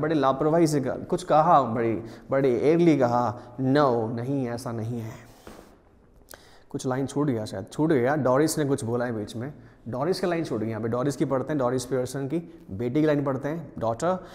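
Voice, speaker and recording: A man teaching an English play, reading its lines slowly, then explaining each in Hindi. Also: fairly high pitch, a little mellow, long reverb tail.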